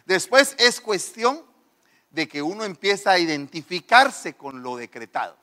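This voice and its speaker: Preacher guy, high sharp voice, hammering repeated phrases, big hall reverb. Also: big pitch swings, measured pace. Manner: emphatic, repetitive preaching with swings in loudness. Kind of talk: sermon. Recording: long reverb of a large hall.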